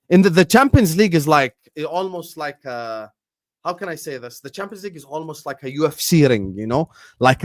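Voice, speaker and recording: A football channel host from Jordan, whose first language is Arabic, runs a live stream in a medium-pitched voice. His manner is combative and repetitive, peppered with fillers such as "you get me." The sound is clean studio audio with no room sound.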